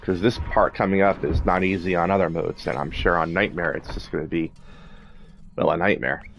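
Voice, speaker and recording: A man's voice: deep voice, fairly even intonation, fairly quick, a bit bright, slight background noise. A man giving casual video game commentary, thinking aloud in a hesitant way. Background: game music and sound.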